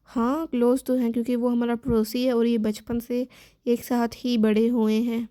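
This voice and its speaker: A woman's voice: a little high, flat delivery, moderate pace, warm tone, no room sound, studio quality, natural voice. A woman voicing a middle-aged mother who scolds her son fondly. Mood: motherly. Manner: scolding yet fond.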